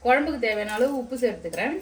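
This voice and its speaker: A woman's voice: on the high side, lively intonation, racing, reverberant, noisy background. A woman, chatting to viewers as she walks through her home cooking, calling them friends. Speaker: cooking vlogger. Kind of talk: casual cooking walkthrough. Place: home kitchen.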